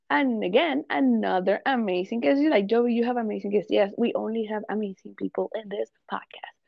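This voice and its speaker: A woman hosting a podcast from her living room, chatty and quick to laugh as she talks over her guest. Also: medium pitch, vocal fry, dry recording, lo-fi sound. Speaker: podcast host. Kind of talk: casual interview chat.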